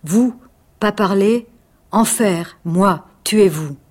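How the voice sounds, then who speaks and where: Woman putting on a gruff tattooed cannibal harpooner. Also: medium pitch. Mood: menacing. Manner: guttural broken speech, slow and menacing.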